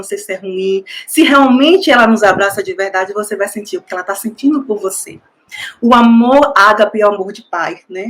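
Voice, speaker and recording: A woman, a master's student and school coordinator, giving an emotional, effusive tribute speech. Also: mid-range voice. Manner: effusive, emotional, repeats the listener's name.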